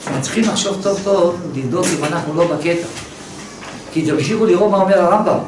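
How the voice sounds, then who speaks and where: Guy teaching torah, lots of rhetorical questions, far from the mic, roomy echo, faint noise. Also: high voice. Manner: animated storyteller, rhetorical questions. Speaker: religious teacher. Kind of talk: Torah lesson with a told parable. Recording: very echoey room, distant mic, faint noise.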